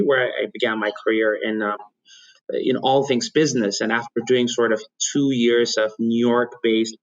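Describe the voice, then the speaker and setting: Ethiopian-born man, measured and thoughtful. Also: mid-range voice, lo-fi sound. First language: Amharic. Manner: thoughtful, measured, with frequent restarts. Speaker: guest. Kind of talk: conversational interview.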